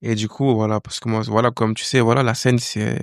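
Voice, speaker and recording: A man's voice: mid-range voice, level tone, brisk, gravelly, clean tone, no echo, studio quality. A young man, a singer as podcast guest, talking casually in slangy speech and repeating words as he thinks. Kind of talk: casual interview chat.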